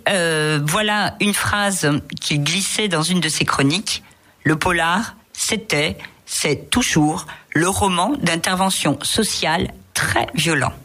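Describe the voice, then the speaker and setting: This is a woman with a notably low voice presenting a radio book column. She recommends novels with warm enthusiasm, often stopping mid-sentence with hesitant filler sounds as she searches for words. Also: breathy edge. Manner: hesitant, many filler pauses. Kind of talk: radio book review chat.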